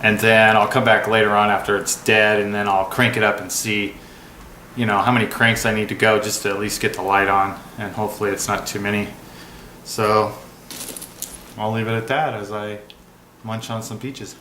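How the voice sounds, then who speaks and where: Pitched on the low side with little movement, the man's voice is pushed and bright and runs at normal speed. He's hosting a product review video, rambling informally through a hands-on look at the item, with room echo and clear background noise around him.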